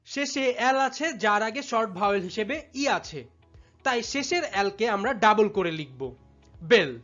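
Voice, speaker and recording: Female teacher, higher voice, measured explanatory narration, dull lo-fi recording. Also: a bit bright. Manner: measured, explanatory, addresses students directly. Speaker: English spelling teacher. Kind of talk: scripted instructional narration. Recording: dull lo-fi sound with faint music.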